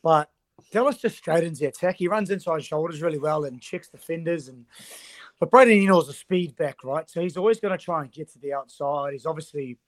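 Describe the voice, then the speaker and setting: A man with a slightly high voice gives rugby analysis. He speaks as a coach being interviewed, in a setting with little echo. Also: a little fast.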